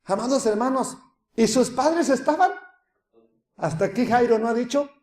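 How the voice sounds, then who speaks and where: Dramatic high-voiced preacher in an echoey room. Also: male voice, animated, moderate pace. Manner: dramatic, acts out quoted voices, swings from loud to hushed. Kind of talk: sermon.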